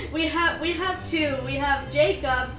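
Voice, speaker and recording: A giggly woman co-hosts a casual live stream from a small room, reading viewer comments aloud and responding to them. Her voice sits high and she speaks slowly. The mic is distant, the sound roomy, and faint music plays in the background.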